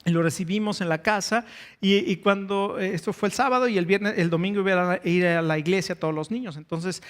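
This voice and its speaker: A man delivers a sermon, his voice sitting notably high. He tells stories at length, pausing on fillers and restarting phrases as he goes. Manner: storytelling with frequent hesitations and restarts. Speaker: pastor.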